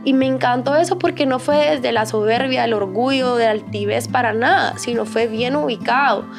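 A woman's voice: a little high, moderate pace, creaky, over music. Conversational woman pastor. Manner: warm conversational, many fillers and restarts. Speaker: pastor and podcast co-host.

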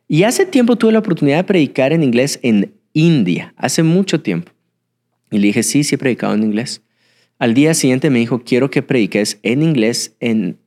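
A young man preaching a sermon, swinging between excited bursts and hushed, reflective passages. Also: a little high. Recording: hall with long reverb.

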